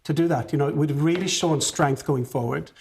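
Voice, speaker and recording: A man from West Belfast with a Northern Irish accent argues on a television panel. He talks quickly and presses his points insistently, often cutting across others. His voice sits a bit high for a man. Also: gravelly, darkish tone. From Northern Ireland, West Belfast. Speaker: panel guest. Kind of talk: heated studio panel debate. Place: television studio.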